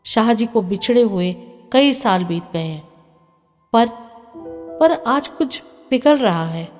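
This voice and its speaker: Slow, measured woman storyteller. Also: on the high side. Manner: measured, expressive, dramatic pauses. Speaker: narrator. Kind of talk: storytelling, reading a short story aloud. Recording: reverberant with soft background music.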